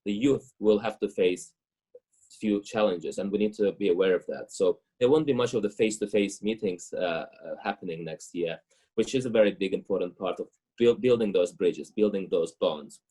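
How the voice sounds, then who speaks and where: A man speaking as a panelist in a webinar, earnest and halting with fillers. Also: on the low side, mellow, breathy edge. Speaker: panelist, youth leader.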